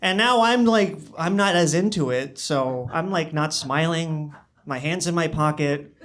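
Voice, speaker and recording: A young man born in China and raised in the US performs stand-up comedy in a small club, speaking into a handheld stage microphone. His delivery is dry and understated with halting restarts, and his voice is on the high side and a bit bright.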